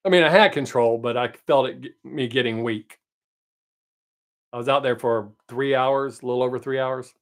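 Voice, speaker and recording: Here's a man in his late fifties running a relaxed livestream with a mid-range voice at a moderate pace. He chats cheerfully with his live audience and addresses each viewer by name.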